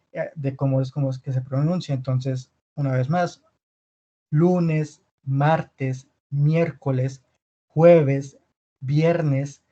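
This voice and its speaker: A man teaching an online language lesson, patiently repeating words slowly for his students. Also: mid-range voice, warm tone, dull audio. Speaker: Spanish teacher.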